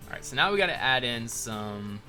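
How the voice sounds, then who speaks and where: With a bright, forceful voice of medium pitch, a man speaks fairly quickly as he hosts a live stream, building in a game and reading chat. He thanks new followers and rambles through viewer questions in relaxed talk that drifts from topic to topic, over faint game soundtrack music.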